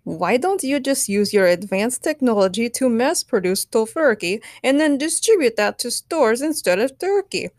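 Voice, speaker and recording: A woman voicing a calm, good-natured male superhero, close to her own voice. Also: a little high, moderate pace, hardly any pauses, no echo.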